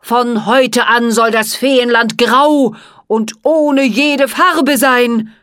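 A woman's voice: fairly high pitch, steady tone, very slow, no room sound, clean studio sound, pitched above the performer's own voice. A woman putting on a furious icy wizard. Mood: cursing. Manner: cutting, shouting curses.

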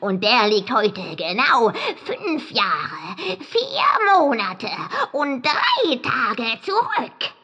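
Nebbia, a metallic vengeful fog fairy. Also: female voice, on the high side, big pitch swings, bright, forceful tone, breathy edge, muffled recording, voice pushed up, full character voice. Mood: cold, mocking. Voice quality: clanking metallic robot-like voice. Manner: slow, cold and mocking. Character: vengeful female fog fairy, cold and spiteful.

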